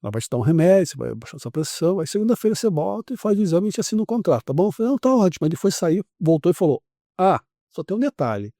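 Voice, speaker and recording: Animated Brazilian man telling a story. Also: high voice, very fast, no room sound, studio quality. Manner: animated, acts out other people's lines in the story. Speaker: podcast guest. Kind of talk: casual storytelling.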